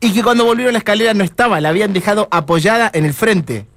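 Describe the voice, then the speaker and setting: A man's voice: sits high, fast talker, fairly bright tone. An Argentine man doing a prank phone call, feigning fluster and apologizing a lot. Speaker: radio prank caller.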